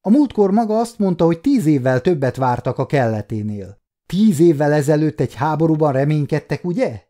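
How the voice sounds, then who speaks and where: A man voicing a savage human prisoner who speaks in aggressive, shouted outbursts, raised and breathless. His voice climbs higher and louder than plain narration, with a mellow, dark tone underneath. It is a storybook reading. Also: sing-song.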